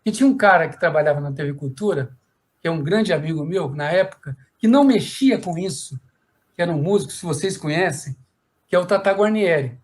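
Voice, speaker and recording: Animated storytelling man, middle-aged. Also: on the high side, a little fast. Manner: lively storyteller who acts out quoted voices, frequent "né?". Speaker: puppeteer and voice actor. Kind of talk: panel talk, anecdotes.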